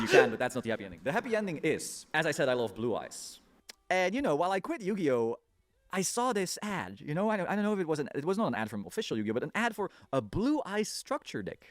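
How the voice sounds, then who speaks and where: A man's voice: on the high side, huge pitch swings, brisk, sharp tone, no room sound. A man talking casually in a vlog, loose and profane, often breaking into laughs. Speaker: YouTuber.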